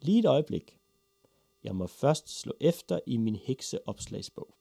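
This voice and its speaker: A man voicing a sleepy, kindly old witch woman who drawls slowly. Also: medium pitch, sing-song, vocal fry, warm tone, slightly rough, no room sound, voice pushed up, exaggerated voice. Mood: drowsy drawl. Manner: drawling, slow, mumbling.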